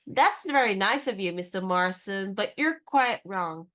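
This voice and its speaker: With an expressive, bright and forceful tone, a mid-pitched young woman teases her companion briskly and knowingly. She's an actress in what sounds like a radio play, cast as a spirited girl pretending to be a lady's maid.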